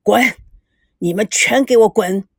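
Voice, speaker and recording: A woman voicing a tired, reclusive old grandfather in an audiobook, with a sharp bark that sinks into a low, worn-out voice. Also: unhurried, creaky, husky, no echo, studio quality. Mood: angry. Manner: barking, then tired and low. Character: weary, gruff old grandfather who shuts himself away.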